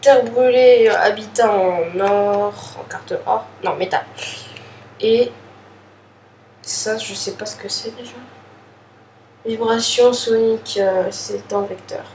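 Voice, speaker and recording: A woman's voice: medium pitch, slow pace, pauses often, a little mellow, slight background noise. A woman casually commenting as she opens trading card packs, hesitant and apologetic, with many fillers. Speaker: card pack opener. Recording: distant echoey room with faint ambience.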